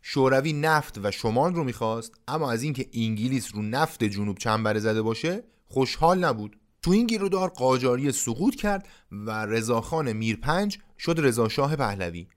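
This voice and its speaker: A man's voice: mid-range voice, expressive, few pauses. A man hosting a storytelling podcast, narrating from a script in a conversational tone with casual asides. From Iran. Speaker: podcast host.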